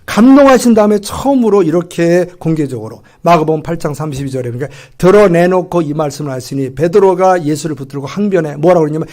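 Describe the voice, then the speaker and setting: A middle-aged man preaching a sermon as pastor, animated and full of rhetorical questions, acting out the dialogue he quotes. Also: a little high, fast, few pauses. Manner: acts out quoted dialogue in lively voices. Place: church sanctuary.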